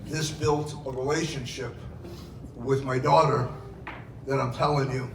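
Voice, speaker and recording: A man's voice: mid-range voice, steady tone, measured pace, creaky. A middle-aged man giving a heartfelt father of the bride speech at a wedding reception, telling family anecdotes. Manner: heartfelt, anecdotal storytelling with dramatized quotes. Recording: echoey, noisy event room, distant mic.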